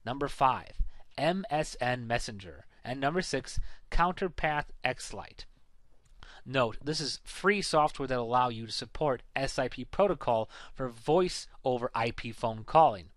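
A man's voice: medium pitch, animated, unhurried, a bit bright, no echo. A man narrates a computer how-to slideshow in a plain, instructive tone. His voice sits in a middle register. The recording is close and dry, with no room sound. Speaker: tech tutorial narrator.

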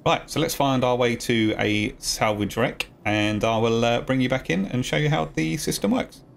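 Gravelly-voiced man explaining a game. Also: mid-range voice, moderate pace, a little hiss or hum. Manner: relaxed, talks viewers through steps. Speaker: gaming guide creator. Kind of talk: casual game tutorial voice-over.

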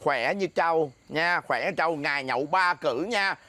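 A man's voice: on the high side, normal speed, sharp tone, dry recording. A man with a Southern Vietnamese accent playing a blustering, stammering husband in a comedy skit.

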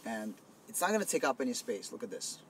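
Very animated and quick, this medium-pitched male voice is creaky and a bit bright. He's explaining a product casually as he demonstrates it inside a car, partly outdoors in the wind, with the camera mic catching faint wind noise.

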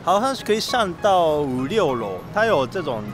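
A man's voice: a little high, big pitch swings, normal speed, soft background music. A young man from Japan, a native Japanese speaker, chatting casually in Japanese-accented Mandarin as a vlogger. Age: young adult. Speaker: travel and food vlogger. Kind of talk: casual vlog chat.

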